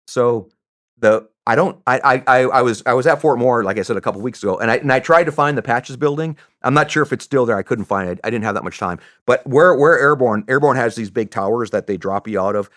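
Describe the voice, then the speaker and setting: A middle-aged man spins a war story as a podcast guest, animated and full of restarts, slipping into voices as he goes. His pitch sits in an ordinary middle range. The studio sound is dry and close. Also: a little fast, no echo. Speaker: former special operations soldier, podcast guest.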